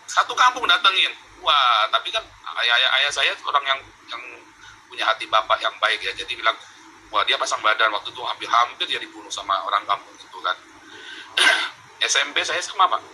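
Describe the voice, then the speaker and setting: Bright-voiced emphatic Indonesian man. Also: medium pitch, animated, fairly quick, slight background noise, rough recording. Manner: emphatic, heated, repeats words, addresses interviewer as Pak. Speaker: interviewee. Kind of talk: remote interview, animated storytelling. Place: abroad in Europe.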